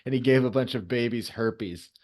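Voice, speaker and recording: Male co-host, mid-pitched voice, playful quick-witted banter. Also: a little mellow. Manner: playful, quick jokes, laughs often. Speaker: podcast co-host. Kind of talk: casual comedic chat.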